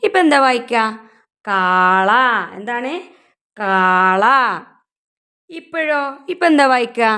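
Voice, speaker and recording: A woman's voice: high-pitched, fast, a bit bright. A woman teaching young children to read, asking questions patiently and answering them herself. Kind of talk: children's reading lesson.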